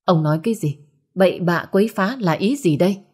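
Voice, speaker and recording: A woman's voice: on the low side, fairly quick, a little mellow, breathy edge. A woman voicing a stern, commanding old patriarch in a storybook. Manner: commanding, firm.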